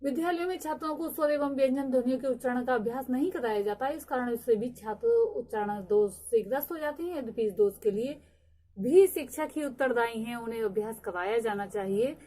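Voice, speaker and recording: A young adult woman teaching a lecture. She explains at a steady pace, pausing on "uh" fillers. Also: on the high side. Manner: explanatory, with frequent "uh" fillers and slow stresses. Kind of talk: recorded lecture.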